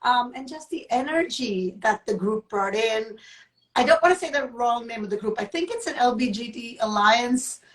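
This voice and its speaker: A high-pitched woman chatting casually as co-host of a live stream. She talks in a rambling, friendly way, often restarting her sentences. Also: expressive, moderate pace, rough recording. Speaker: co-host of a live talk show. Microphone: phone.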